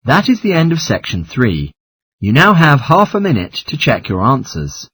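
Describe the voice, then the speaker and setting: A man reading scripted listening test dialogue and lecture in a formal, measured, articulate way, with a slightly husky voice. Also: medium pitch, wildly swooping pitch, fairly bright tone, dry recording, exaggerated voice.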